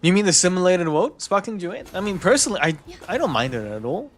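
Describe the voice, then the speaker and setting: A man's voice: high-pitched, sing-song, quick pace, slight background noise. Giggly New Zealand streamer guy. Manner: chuckles often, repeats words, easygoing. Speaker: game streamer. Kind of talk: casual live-stream chat with viewers.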